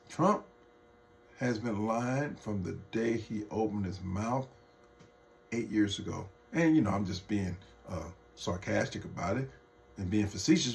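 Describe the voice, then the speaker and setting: A man delivering an off-the-cuff political rant to his viewers, heated, mocking and profane, addressing them as folks. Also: lowish voice. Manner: talks straight to viewers as folks. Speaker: political vlogger.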